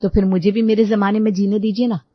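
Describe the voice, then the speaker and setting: A woman voicing a calm, modern young daughter-in-law who speaks politely but firmly in a cartoon story. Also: mid-range voice, fast, no echo, close to an everyday voice. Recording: dull lo-fi dry recording.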